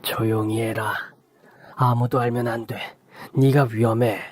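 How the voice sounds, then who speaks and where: A narrator voicing an older father who is recovering from injury and speaks in low, secretive commands. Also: little pitch movement, unhurried, a little mellow, no echo, lightly acted. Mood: hushed, stern.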